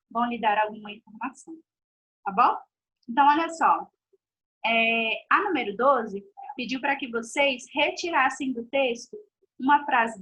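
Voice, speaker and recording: A woman's voice: a little high, pushed and bright, rough recording. A woman giving a recorded video lesson to pupils, patiently repeating points and checking they follow. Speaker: teacher.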